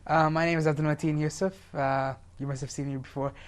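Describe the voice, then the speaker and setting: A man's voice: fairly high pitch, flat delivery, fast. A seventeen-year-old boy from India, speaking as a talk show guest, with frequent fillers. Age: teen. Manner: hesitant, many fillers. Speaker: young guest.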